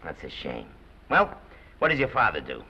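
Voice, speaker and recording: A brash, sarcastic press agent. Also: male voice, extremely low pitch, huge pitch swings, moderate pace, pushed and bright, a little hiss or hum, heavily acted. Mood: sardonic. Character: brash fast-talking male studio press agent. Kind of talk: 1930s film acting. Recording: dull 1930s film soundtrack.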